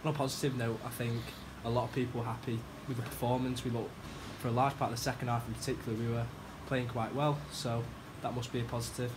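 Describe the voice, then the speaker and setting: A male interviewer puts brisk questions in a flat, even voice. He sits away from the microphone, and a steady air-conditioning hum is clear in the background. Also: medium pitch. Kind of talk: post-match interview questions.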